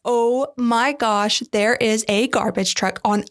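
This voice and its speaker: A young woman co-hosting a faith podcast, gushing in casual chat with animated storytelling. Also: on the high side, slow pace. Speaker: podcast co-host.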